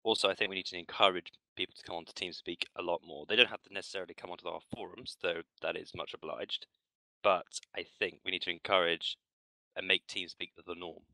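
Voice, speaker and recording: A man reporting as a clan's roster officer in a casual voice-chat meeting, speaking haltingly with frequent restarts, over a headset mic. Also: sits low, fairly even intonation, sharp tone, no echo, rough recording.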